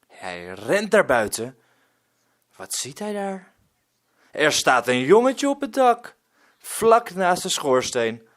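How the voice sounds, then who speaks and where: A man reading a children's story aloud in an expressive storytelling manner. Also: a little high, slow, long pauses.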